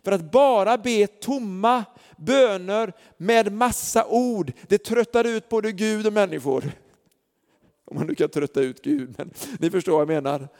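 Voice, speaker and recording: A man's voice: high voice, a little mellow. A man preaching a sermon, telling stories earnestly with lots of fillers. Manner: earnest storytelling with many fillers. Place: church hall. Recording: long church hall reverb.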